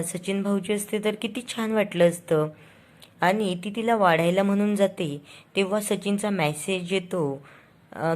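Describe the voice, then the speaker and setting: A woman talks through the latest episode of a television serial in an easygoing, conversational way. Her voice sits a little low, and she drops into the characters' lines with only light emphasis. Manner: retells scenes, quoting each character's lines with light emphasis. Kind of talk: casual spoken recap.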